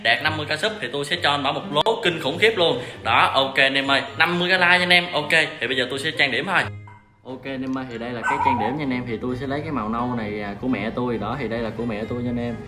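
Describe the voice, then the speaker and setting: Give me a quick-talking man chatting to his viewers in a casual prank vlog, with music underneath. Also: mid-range voice, fairly even intonation. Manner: chatty, addresses viewers directly. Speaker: vlogger.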